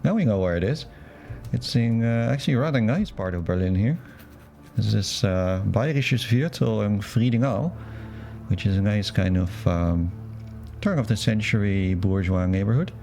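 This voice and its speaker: A man casually streaming a role-playing game, musing and wry as he reads the story aloud. His voice is low, dark and gravelly, with soft music faintly behind him. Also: animated, moderate pace. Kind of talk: casual let's-play commentary and narration.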